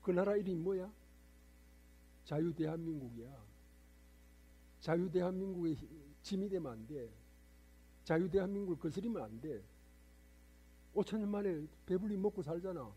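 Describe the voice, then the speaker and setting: Husky, mellow-voiced monk lecturing a congregation. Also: male voice, sits high, lively intonation, normal speed, long pauses, highs cut off. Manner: lecturing, rhetorical questions to congregation. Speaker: Buddhist monk preacher. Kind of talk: sermon. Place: temple hall with congregation.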